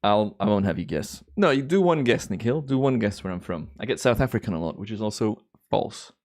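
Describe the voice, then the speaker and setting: Hosting a timelapse livestream, a Belgian man in his thirties talks easily in a lowish, darkish voice with lively intonation. His enthusiastic exclamations are drawn out and cheerful, and his Belgian accent shows American and Australian influence.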